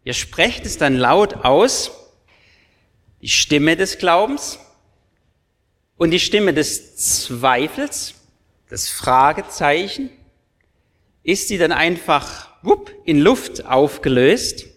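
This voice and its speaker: Male pastor, sermon, earnest and direct, unhurried delivery, long church echo. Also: fairly high pitch, big pitch swings, a bit bright. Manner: earnest, emphatic, addresses listeners directly. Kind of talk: sermon to confirmands.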